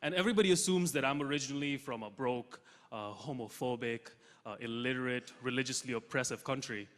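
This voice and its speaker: A young man from Russia doing a stand-up comedy set on stage, deadpan punchlines with sudden loud jumps. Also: medium pitch, a little fast. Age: young adult. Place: large theatre stage with audience. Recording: hall reverb, faint noise.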